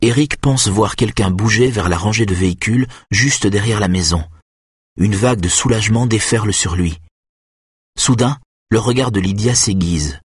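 A man reading a tense thriller aloud as an audiobook narrator, in measured, steady storytelling. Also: lowish voice, breathy edge, no room sound, studio quality.

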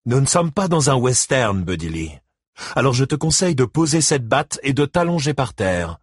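A man narrating voices a smug, well-off husband addressing his attacker with cool mockery. The delivery stays measured and slightly lifted, husky in grain, dry and close. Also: a little high, fairly bright tone, no room sound, pitched above the performer's own voice. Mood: smug calm. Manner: sneering, measured. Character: smug wealthy husband, coolly mocking.

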